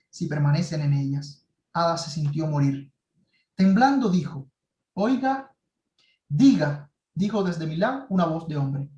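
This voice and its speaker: A male writing workshop teacher reading a short story aloud in measured, dramatic tones. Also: fairly high pitch, darkish tone. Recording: roomy echo.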